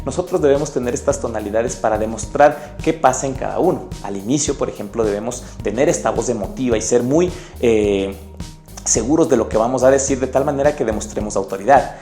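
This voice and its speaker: Brisk and dark-toned at a medium pitch, a man's voice delivers an upbeat, emotive sales book summary directly to the viewer. It plays as an animated sales lesson, recorded in an echoey room with faint music.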